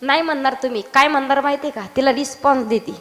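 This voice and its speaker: A woman from Maharashtra, preaching a kirtan sermon and teasing her listeners with acted dialogue and loud outbursts. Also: high-pitched, fairly even intonation, fast talker. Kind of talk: Marathi kirtan sermon with sung verses. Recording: reverberant hall.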